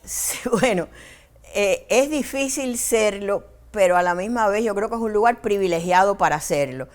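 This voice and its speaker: A Cuban woman tells her memories with feeling. She acts out what others said in lively bursts. She stumbles and restarts often. Her pitch sits in a middle range. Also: normal speed. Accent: Cuban Spanish. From Cuba. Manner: animated, acts out quoted dialogue; frequent restarts and hesitations. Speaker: interview guest, journalist. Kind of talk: emotional personal storytelling.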